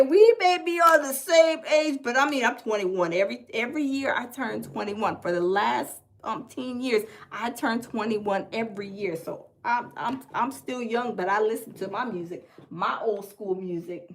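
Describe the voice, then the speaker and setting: Casting: Southern woman livestream host, high voice, chatty and folksy, repeats herself. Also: fairly bright tone, slight background noise. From American South. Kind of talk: casual livestream chat, reading viewer comments.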